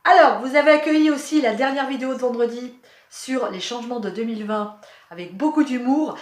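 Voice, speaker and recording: A woman's voice: a little high, fairly quick. Chatty woman hosting a cooking lesson. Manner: chatty, homely, explains each step. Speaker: cooking channel host. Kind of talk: cooking demonstration. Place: home kitchen.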